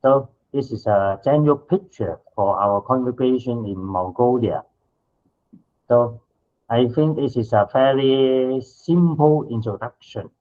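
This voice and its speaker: A man giving a simple introduction as a religious delegate on a video call, in a measured manner. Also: medium pitch, dull audio. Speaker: Salesian delegate.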